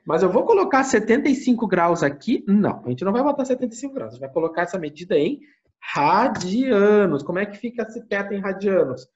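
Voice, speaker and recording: A Brazilian man talks his way through a calculation at the board, his pitch rising and falling as he poses questions and answers them himself. The recording sounds muffled and lo-fi, like a home screencast. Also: big pitch swings, a little fast. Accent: Brazilian Portuguese. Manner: thinks aloud, asks and answers his own questions; frequent tag questions. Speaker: university math teacher. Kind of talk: lecture walking through a calculation.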